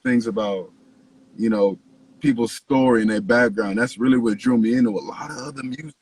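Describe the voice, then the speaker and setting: A man hosting a podcast in a casual, slangy, profanity-laced chat, with a husky voice. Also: mid-range voice, brisk, darkish tone, slight background noise, poor audio. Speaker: podcast host, interviewer.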